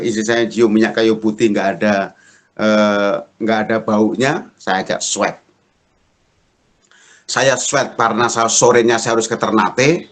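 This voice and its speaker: A middle-aged male pastor preaching a sermon, telling a story and acting out the dialogue in raised voices. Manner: lively storyteller, acts out dialogue in high voices.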